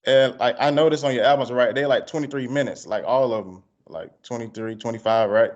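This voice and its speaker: A man's voice: medium pitch, a little fast, darkish tone. A man with a country Southern drawl from Georgia conducts a casual interview. His speech is loose and slangy, and the audio is dull and lo-fi. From Georgia, United States.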